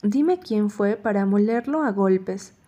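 A woman's voice: medium pitch, lively intonation, slow pace, warm tone. A woman reading an audiobook, voicing an angry, jealous young man who speaks in heated, accusing bursts.

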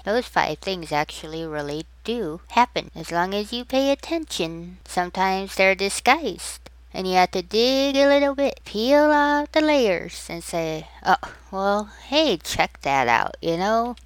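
A woman's voice: mid-range voice, dry recording, low-quality recording. A woman hosting a solo podcast, talking upbeat and chatty straight to the listener. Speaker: podcast host. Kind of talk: solo podcast talk on positivity.

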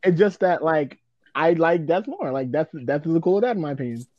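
A man's voice: fairly high pitch, lively intonation, fairly quick, lo-fi sound, heavy background noise. A young man chatting casually with friends, repeating himself and leaning on "like". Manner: repetitive, filler-heavy casual phrasing with lots of "like". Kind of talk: casual chat among friends.

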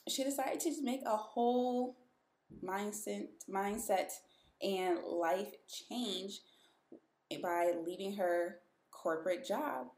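A woman hosting a podcast introduces an episode, speaking casually and directly to her listeners in a chatty, emphatic way. Her voice is medium-pitched with a darkish tone, and the room is echoey and reverberant.

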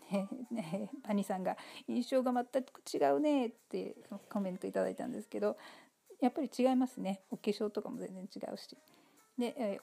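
A woman giving relaxed, casual spoken commentary on a TV episode, polite and chatty with many fillers. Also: mid-range voice, creaky.

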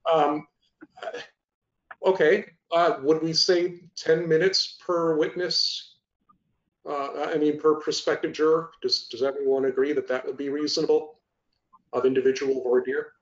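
A man's voice: on the high side, fairly even intonation, measured pace. Man teaching over an echoey lo-fi call. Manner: conversational, dry humor, hesitant restarts. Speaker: judicial training presenter. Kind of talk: instructional talk over video call. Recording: echoey, muffled lo-fi audio.

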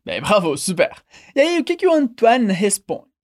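A Brazilian woman teaching French in Portuguese, modelling phrases slowly and clearly and asking the listener to repeat after her. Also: medium pitch, sing-song, a little mellow. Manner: slow, carefully enunciated model phrases. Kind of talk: language lesson with repeat-after-me drills.

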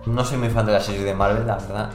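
A man's voice: lowish voice, fairly even intonation, fast, echoey room, faint music behind. A man with a Spanish accent co-hosting a podcast, chatting casually in an exclamatory, rambling way and often restarting his phrases. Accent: Spain Spanish. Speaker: podcast co-host. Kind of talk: casual chat.

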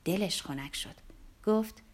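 Expressive woman narrating a novel. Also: medium pitch. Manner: expressive, at times hushed to a whisper. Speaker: audiobook narrator.

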